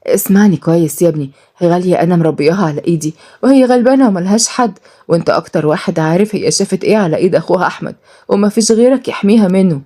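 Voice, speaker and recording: A woman's voice: fairly low pitch, racing, warm tone, lightly acted. A woman doing a coaxing older Egyptian mother. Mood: motherly. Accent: Egyptian Arabic.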